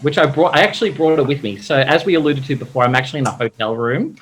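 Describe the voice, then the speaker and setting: A man's voice: medium pitch, expressive, quick pace, fairly bright tone. A man on an online panel, calling in from a hotel room, joking and self-deprecating. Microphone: video call.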